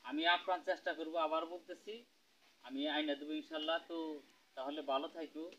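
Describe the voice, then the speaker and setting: A man playing an elder who promises to find a bride, speaking in a calm, formal, reassuring way. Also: a little high, brisk, highs cut off, slight background noise. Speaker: village elder arranging a marriage. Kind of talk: scripted comedy skit acting.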